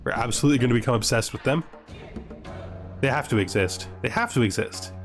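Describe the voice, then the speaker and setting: Speaking at a quick pace over faint background music, a medium-pitched man hosts a gaming video. He plays and comments casually, thinking aloud in short bursts, role-playing in the first person, and sometimes reading game text.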